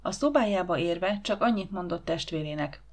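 A woman reading an audiobook aloud, acting out the dialogue with shifting voices. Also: fairly low pitch. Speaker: audiobook reader. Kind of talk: audiobook narration.

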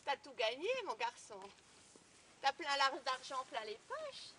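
A woman's voice: high-pitched, very animated, unhurried, sharp tone, slight background noise, full character voice. A woman telling a fairy tale to listeners while voicing a scheming old female witch. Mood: gloating.

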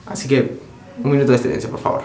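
A nineteen-year-old man talks in an Argentine Rioplatense accent, joking and teasing in a loose, camp vlog style. His voice sits at an ordinary pitch. It carries a roomy echo with faint noise behind it. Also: fairly even intonation, quick pace. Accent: Argentine Rioplatense Spanish. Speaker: vlogger. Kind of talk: casual vlog chat.

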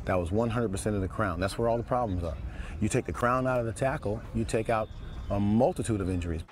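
A male football coach interviewed for a news story, stating his points emphatically. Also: lowish voice. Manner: emphatic, quick, insistent.

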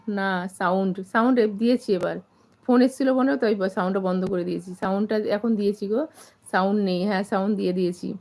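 A woman's voice: mid-range voice, a little mellow. A woman from Kolkata, hosting a casual live stream and greeting viewers by name as she reads their comments. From Kolkata, India.

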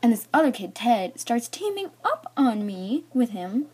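A woman's voice: on the high side, big pitch swings, unhurried, darkish tone, husky. A teenage girl chatting through a personal story, rambling with lots of "like" and acting parts out with toys. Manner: rambling, filler-heavy, "like" in every sentence. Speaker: storyteller vlogger. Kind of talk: casual storytime chat.

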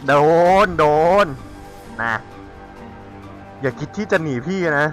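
A man playing a horror game and commenting as he goes, chatty and excitable, teasing the players he hunts. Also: a little high, slow, soft background music. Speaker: gamer. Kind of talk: let's-play commentary.

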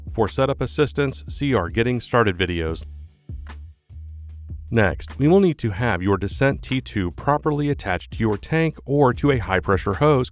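A man narrates a scripted product support tutorial in a measured, clearly enunciated instructional style. His voice is mid-range, with background music underneath.

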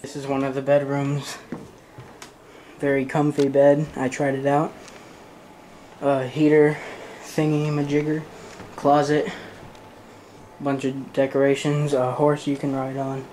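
A man's voice: medium pitch, slight background noise. Young man giving a casual house tour. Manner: relaxed, plain-spoken, a little halting. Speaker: family member filming a house tour. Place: rented farmhouse, indoors and out. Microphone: handheld camera.

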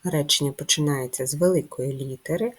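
A woman teaching young children to write letters, speaking slowly and gently with clear instructions. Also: low-pitched. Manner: slow, gentle and instructive, addressing young pupils. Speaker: primary school teacher. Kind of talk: children's handwriting lesson.

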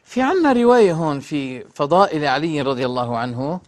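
A man with a Levantine accent giving a religious lecture, posing rhetorical questions and slowing down to read quoted passages aloud. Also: on the high side, lively intonation. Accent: Levantine Arabic. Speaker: religious scholar presenting a program.

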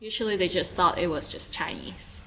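A woman's voice: lowish voice, expressive, brisk, a bit bright, a little hiss or hum, rough recording. A woman in her thirties with a Hong Kong Cantonese accent, teaching phrases in a casual lesson with chatty explanatory asides. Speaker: language teacher and host. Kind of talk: casual language lesson with example phrases and commentary.

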